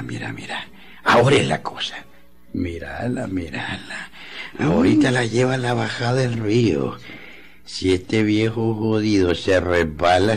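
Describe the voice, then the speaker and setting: A man playing a gruff, husky old uncle. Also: sits low, exaggerated voice. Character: gruff older uncle gossiping and spying. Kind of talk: comic radio drama.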